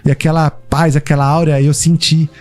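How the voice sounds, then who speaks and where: A Brazilian man hosts a faith podcast, moving from personal testimony into fervent evangelistic exhortation. His voice sits a bit high but sounds mellow and warm. Faint music hums behind him. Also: flat delivery, fairly quick. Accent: Brazilian Portuguese. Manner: fervent, evangelistic, punctuated with hallelujahs. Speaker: podcast host.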